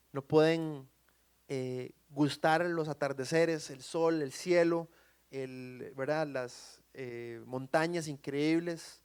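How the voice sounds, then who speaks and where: Animated man preaching. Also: on the high side, clear, resonant tone. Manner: animated, often asks the audience "right?". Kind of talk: sermon.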